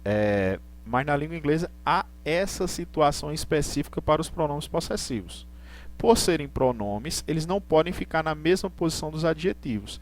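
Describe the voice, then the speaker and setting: A man teaching English grammar in a live online class, patient and repetitive, reading example sentences slowly. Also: a little high, expressive. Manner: patient, repeats points, reads English examples slowly and deliberately.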